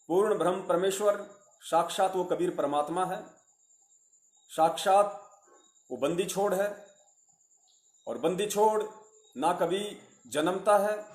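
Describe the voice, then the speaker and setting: A man's voice: high voice, reverberant. A man giving a devotional sermon, earnest and repetitive, addressing his listeners as virtuous souls. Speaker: preacher.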